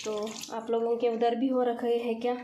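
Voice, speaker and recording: A woman from India vlogs while she cleans her kitchen, talking steadily in a rather high, flat voice. She is still getting over a cold, and her throat is sore. The tiled kitchen gives her voice a strong echo, with faint noise behind it. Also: moderate pace. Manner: chatty, talking while working. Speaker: village vlogger. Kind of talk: casual vlog chat while cleaning the kitchen. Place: home kitchen, tiled and echoey.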